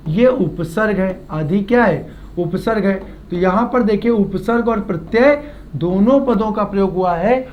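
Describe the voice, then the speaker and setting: A man's voice: high-pitched, darkish tone, lo-fi sound. A male teacher working through exam practice questions, often asking a question back and repeating the answer, stretching out key syllables. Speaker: Hindi exam-prep teacher. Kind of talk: classroom-style lesson.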